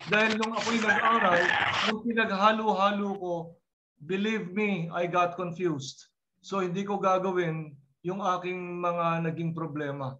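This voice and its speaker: A man with a Filipino accent teaching a class online, slowly repeating each word and drilling its pronunciation. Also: high voice, flat delivery, pushed and bright, a little hiss or hum, low-quality recording. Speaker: Hebrew teacher. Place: online video call class.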